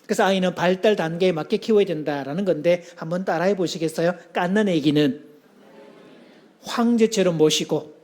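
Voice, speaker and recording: A man's voice: sits high, normal speed, a little mellow. A male pastor giving a sermon, asking the congregation questions and leading them in call-and-response.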